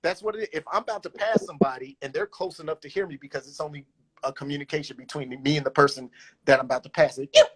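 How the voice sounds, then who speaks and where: A man talking casually as a guest roller skater, in an animated way, with loose slang and a habit of restarting phrases. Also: a little high, rapid-fire, breathy edge. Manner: animated, loose slang, restarts often, says "you know what I'm saying". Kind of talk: casual conversation.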